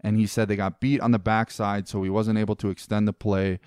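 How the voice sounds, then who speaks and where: A man co-hosting a sports podcast, talking casually and breaking in with quick exclamations. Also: on the low side, level tone, darkish tone, smooth, no echo, clean studio sound. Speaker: podcast co-host.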